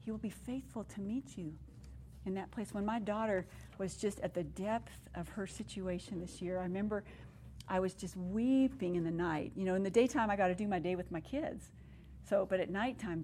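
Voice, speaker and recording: A middle-aged woman preaching a sermon at a women's gathering, earnest and emotional, dropping to hushed tones and rising when excited. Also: mid-range voice, slight background noise. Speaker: women's conference speaker. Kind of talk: sermon with personal story.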